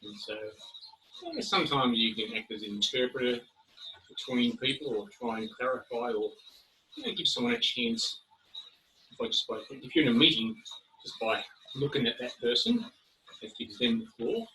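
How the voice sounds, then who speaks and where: Slightly breathless man, bright sharp voice, off-mic, faint background noise. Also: mid-range voice, sing-song, moderate pace, long pauses, recorded from a distance, rough recording. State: a bit breathless. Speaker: webinar participant. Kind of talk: casual discussion. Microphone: video call.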